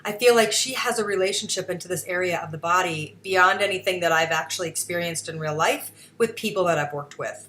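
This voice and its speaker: A woman hosts her own podcast segment of casual solo commentary, speaking earnestly but rambling, with many fillers and restarts. Her voice is lowish and a bit bright, with slight background noise.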